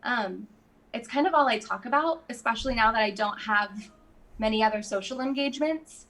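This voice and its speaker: A woman guest in casual conversation, chatty and quick to laugh, with lots of fillers. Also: on the high side, fairly bright tone. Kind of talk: casual chat.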